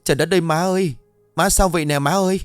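A man's voice: mid-range voice, normal speed, no room sound, faint music behind, voice pushed up, natural voice. A man voicing a frantic, tearful young village woman in a spooky audio story. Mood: panicked.

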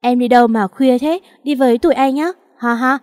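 A woman's voice: sits high, brisk, darkish tone, clean studio sound, natural voice. A woman voicing a young male street thug who jeers and threatens. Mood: jeering. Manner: jeering, threatening. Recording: long reverb.

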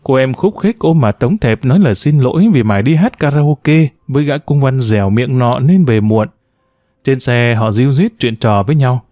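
A man narrating a novel in a steady storytelling manner. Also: medium pitch, moderate pace, no echo, clean studio sound. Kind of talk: audiobook novel reading.

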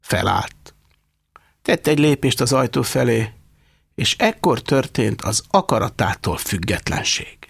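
Man reading a novel aloud, wry and expressive, lively pitch, dry close sound. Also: gravelly, slightly rough, no room sound. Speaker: audiobook narrator. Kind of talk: scripted narration.

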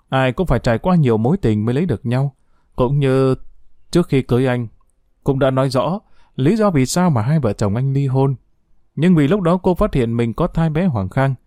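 A man narrating a dramatic family story with a brisk reading manner. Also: medium pitch, mellow, no echo, clean studio sound.

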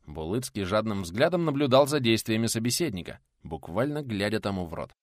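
Male audiobook narrator, dramatic steady read, animated delivery, dry. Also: fairly low pitch, fairly quick, no echo.

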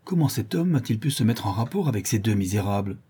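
A man voicing a composed nobleman in disguise who speaks calmly and with authority. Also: fairly low pitch, fast talker, husky.

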